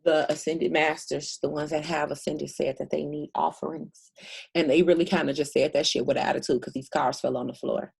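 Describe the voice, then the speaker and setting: A woman's voice: sits low, level tone, a little fast, creaky, a little mellow, breathy edge, low-quality recording. A woman giving a casual spiritual reading to camera, blunt and profane, with many fillers. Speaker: spiritual reader.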